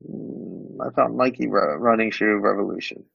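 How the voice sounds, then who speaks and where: He has a fairly low, gravelly, husky voice and talks at normal speed; there's no room sound and the highs are cut off. The man's accent mixes American and Romanian. As a podcast guest expert demonstrating software, he loosely explains what's on screen with frequent fillers like "like" and "um."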